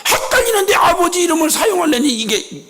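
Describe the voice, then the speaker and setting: A man's voice: extremely high pitch, very animated, a little fast, fairly bright tone, slight background noise. A middle-aged man preaching a sermon as a church pastor, emphatic, with rhetorical questions and acted-out quotes. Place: church sanctuary.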